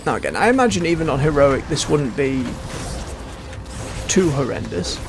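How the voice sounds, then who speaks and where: A man's voice: a little high, sing-song, normal speed. A man giving rambling, understated casual commentary as he plays a game. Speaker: game streamer. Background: game music.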